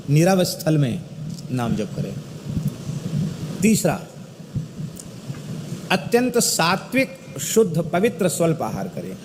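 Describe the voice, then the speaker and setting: A middle-aged man delivers a religious discourse in a somewhat high voice. He chants verses slowly and then explains them with animated emphasis. The sound carries a long hall echo over a faint background noise. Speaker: spiritual teacher giving a discourse.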